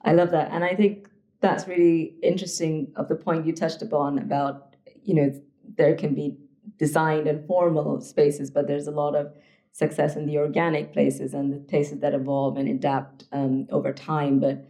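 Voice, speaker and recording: Low, gravelly-voiced woman podcast host. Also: little pitch movement, normal speed. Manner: warmly enthusiastic, with many ums and uhs. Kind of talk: podcast interview hosting. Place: indoor venue in London.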